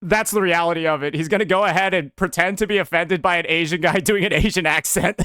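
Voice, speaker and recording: Brief: male livestreamer, casual slangy rants, bright forceful higher voice, dry mic. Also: quick pace, clean tone, dry recording. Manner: animated, slangy, swears often, says "bro" a lot. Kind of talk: casual stream commentary.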